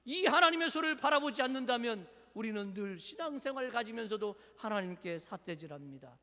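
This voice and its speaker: High-voiced pastor preaching in a reverberant church. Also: male voice, expressive, fairly quick. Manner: dramatic, swings between loud declaring and hushed near-whispers. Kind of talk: sermon. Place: church sanctuary. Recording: church hall with long reverb.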